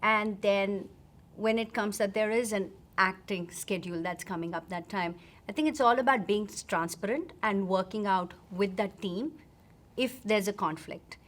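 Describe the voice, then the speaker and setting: A middle-aged woman from India, answering interview questions in a measured, explanatory way with frequent fillers. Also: medium pitch. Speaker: interview guest.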